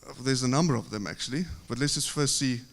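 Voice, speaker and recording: Speaking into a podium mic in a large conference hall, a South African-accented man gives a technical talk at an ordinary middle pitch. His delivery is steady and explanatory with occasional filler pauses, and long reverb follows each phrase.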